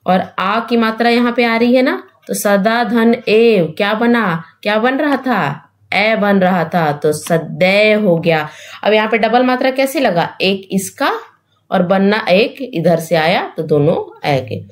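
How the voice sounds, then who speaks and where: A woman's voice: mid-range voice, lively intonation, unhurried. A woman teaching Hindi grammar for exam preparation, repeating the rules and asking questions back to her students, mixing English terms into her explanation. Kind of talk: exam-prep grammar lesson.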